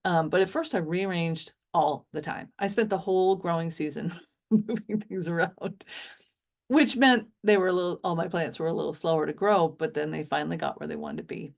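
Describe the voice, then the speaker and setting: A woman's voice: on the low side, moderate pace, gravelly. A woman giving an enthusiastic, chatty business talk over a video call, with lots of fillers and restarts. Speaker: business coach for bodywork practitioners.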